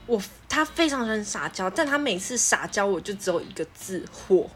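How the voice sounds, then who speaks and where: Forceful-talking woman podcast co-host. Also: medium pitch, big pitch swings, normal speed. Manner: talks forcefully. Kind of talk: casual chat. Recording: music playing underneath.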